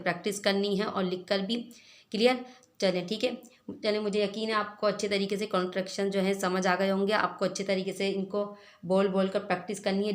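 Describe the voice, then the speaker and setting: Patient woman spelling out English contractions. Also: mid-range voice. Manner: spells words letter by letter, keeps asking "clear?". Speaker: English teacher. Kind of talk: slow spelled-out English lesson.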